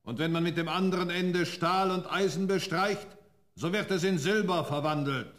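A man's voice: high-pitched, steady tone, normal speed, fairly bright tone. A man voicing a huge, crafty spirit freed from a bottle, pleading and then solemn, in a fairy-tale radio play.

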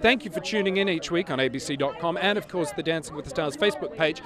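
A man's voice: fairly high pitch, fast. A man hosting live from an outdoor red carpet with upbeat, gushing chatter. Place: outdoors at a shopping plaza. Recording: busy outdoor crowd behind.

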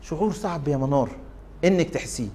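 A man reading out the gentle words of a kind old male basketball coach in a story. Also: high-pitched, expressive, rapid-fire.

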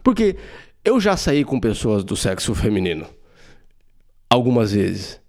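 A man's voice: lowish voice, very animated, measured pace, a little mellow. A man with a Brazilian accent hosting a podcast, telling a story in a casual comedic way, joking and rambling with many asides. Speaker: podcast host.

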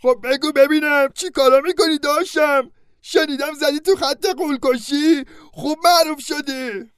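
A man's voice: very high voice, fairly even intonation, no echo, clean studio sound, pitched above the performer's own voice. A man voicing a friendly male centaur, an old buddy who talks in a chummy, slangy way. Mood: cheerful. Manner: chummy, slangy, boastful host.

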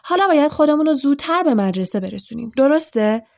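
A woman voicing an eager, excitable boy wizard in an audiobook, talking in quick, urgent bursts. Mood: excited. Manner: quick, urgent, high-pitched outbursts. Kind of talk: audiobook character voice.

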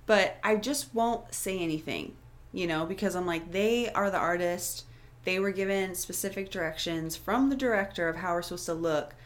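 A young adult woman co-hosting a podcast, telling stories in a chatty, animated way. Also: fairly low pitch, moderate pace. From Florida. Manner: chatty, animated storytelling with laughter. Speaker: podcast co-host. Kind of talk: casual chat.

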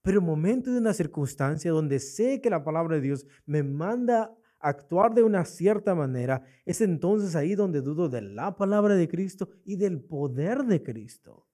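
A man's voice: a little high, warm tone. A man preaching a sermon in a church, asking his congregation rhetorical questions and repeating his key points. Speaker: pastor.

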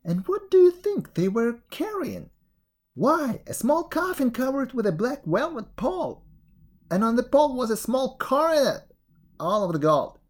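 A woman reading aloud and voicing an excitable male village sexton who tells an eerie tale with rising wonder. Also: a little slow. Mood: excited, eerie. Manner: breathless storytelling, rising pitch, wondering. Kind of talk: storybook reading.

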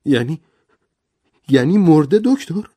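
A man's voice: mid-range voice, warm tone, slightly rough, voice pushed up, natural voice. A man doing a frightened, stammering butler. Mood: anxious. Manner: nervous, stammering. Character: anxious, frightened male butler, middle-aged.

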